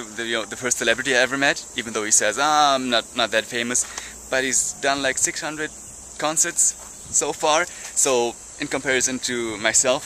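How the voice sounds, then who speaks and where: A young man chatting casually and informally in a rambling travel vlog. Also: medium pitch. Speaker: travel vlogger. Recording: loud ambient travel noise.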